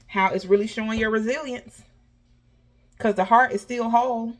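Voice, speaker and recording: Her voice a little high and fairly even in intonation, a tarot reader host talks at normal speed to her viewers. She's casual, folksy, and sassy, calls people honey and baby, and has a slushy lisp on her s sounds.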